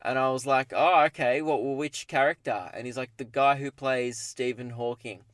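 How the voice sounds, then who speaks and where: A man's voice: mid-range voice, steady tone, normal speed, fairly bright tone, dry recording, studio quality. A young man with an Australian accent rambling casually and jokingly through a solo podcast, recorded inside a parked car. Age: young adult. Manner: self-deprecating, joking.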